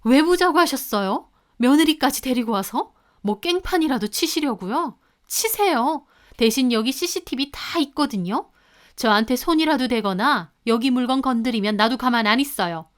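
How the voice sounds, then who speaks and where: A woman's voice: sits high, big pitch swings, a little slow, hardly any pauses. A woman voicing a brash, defiant mistress who snaps back at everyone, in a storytelling radio drama. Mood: combative. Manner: snapping, confrontational.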